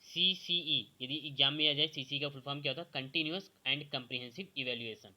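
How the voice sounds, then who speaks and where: A young man teaching exam prep, explaining questions step by step and slowly reading out the answer options. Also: a little high, bright, forceful tone. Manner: repeats "okay" often, reads options slowly.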